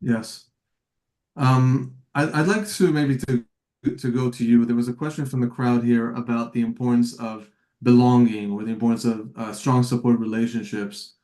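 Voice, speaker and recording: A man's voice: medium pitch, flat delivery, normal speed, warm tone. A man moderating a panel, relaying audience questions hesitantly with fillers.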